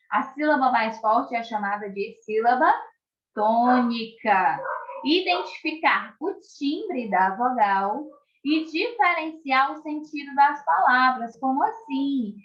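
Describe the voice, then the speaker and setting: A woman's voice: on the high side, fairly bright tone. Brazilian woman teacher, echoey dull recording. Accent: Brazilian Portuguese. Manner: slow, clearly articulated, stretches out words for children; keeps checking in with tag questions. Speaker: primary school teacher. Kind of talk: online video lesson for young children.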